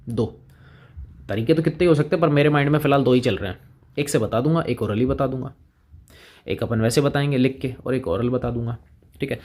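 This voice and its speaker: A man's voice: medium pitch, darkish tone. Guy teaching chem, chatty and easygoing, plain mid voice. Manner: chatty, talks to students as "beta", plays both sides. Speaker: chemistry teacher. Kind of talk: casual lecture.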